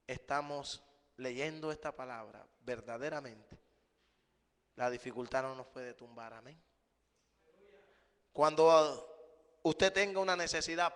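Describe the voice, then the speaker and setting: A man preaching a sermon, emphatic, often rising and then dropping to a hush, calling his listeners brother. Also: a little high, clean tone. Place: church hall. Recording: live stream with long hall reverb.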